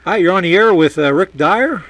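A man's voice: high voice, animated, normal speed, fairly bright tone, no echo, recorded from a distance. A man hosting a radio call-in show, taking calls with lots of hesitant fillers. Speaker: radio talk show host.

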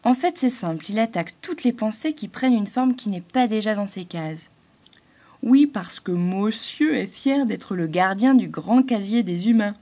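A woman's voice: medium pitch, animated, a little fast, few pauses, warm tone, lightly acted. A woman voicing a timid little female thought-spirit, a glowing halo, in a fairy-tale audiobook. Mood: earnest. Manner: shy, hesitant, growing earnest.

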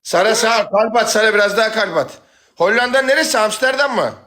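A man hosting a livestream, teasing his guest and breaking into loud shouting. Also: high voice, fast. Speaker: livestream host. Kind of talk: rowdy livestream banter.

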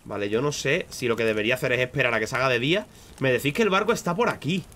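A man giving casual, swear-heavy live commentary on a game, breaking into loud high shouts when startled. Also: expressive, very fast, a little hiss or hum. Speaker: streamer.

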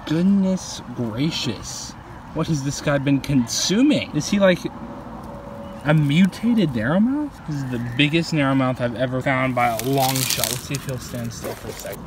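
A young man narrating a wildlife vlog in the field, talking casually and enthusiastically into a handheld phone. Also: mid-range voice. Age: young adult. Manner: informal, enthusiastic, addresses animals as buddy. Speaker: wildlife vlogger. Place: outdoors in woods and by ponds. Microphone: handheld phone at arm's length. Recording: outdoor handheld recording with background noise.

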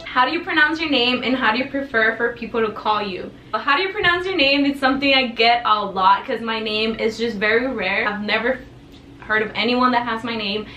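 Soft music plays behind a chatty teenage girl as she talks to camera in her bedroom, a tapestry at her back, her hands moving constantly and her mood bubbly. A native Spanish speaker from El Paso who was raised in Juarez, she talks a little fast in a fairly high, sharp voice. The audio is echoey with the mic set a bit far away.

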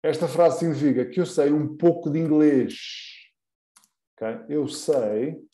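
A man with a European Portuguese accent leads a relaxed online language lesson, taking his time and repeating each example phrase with care. His voice is mellow and unhurried, and it rings a little in an echoey room. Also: fairly high pitch. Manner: patient, repeats example phrases slowly and clearly. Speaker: English teacher.

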